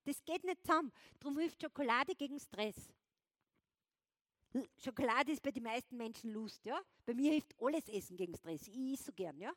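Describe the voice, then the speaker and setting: A woman giving a lively motivational talk on stage, often checking in with her audience. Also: sits high, normal speed, no room sound. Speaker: motivational speaker. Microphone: wireless clip-on transmitter.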